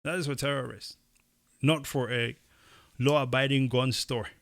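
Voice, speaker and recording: A young man from Cameroon co-hosting a casual opinion chat, talking emphatically and rising into animated bursts. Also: mid-range voice, moderate pace. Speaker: podcast co-host.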